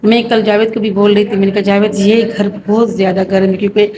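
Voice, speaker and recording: A woman's voice: mid-range voice, little pitch movement, crowd noise, rough recording. A woman vlogger from Pakistan, narrating a casual home vlog while tired with a headache. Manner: chatty, narrating what family members are doing. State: headache, low energy.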